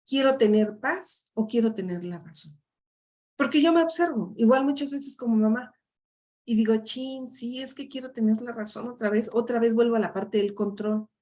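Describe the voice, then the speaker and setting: A woman's voice: fairly high pitch, a little mellow. A middle-aged woman, a life coach giving a chatty workshop talk full of tag questions. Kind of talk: live online workshop talk.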